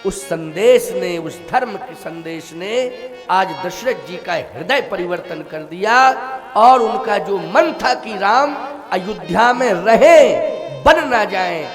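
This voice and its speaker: A man preaching a Ram Katha sermon, who asks his listeners questions and slips into devotional singing. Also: sits high. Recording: music and tabla behind the voice.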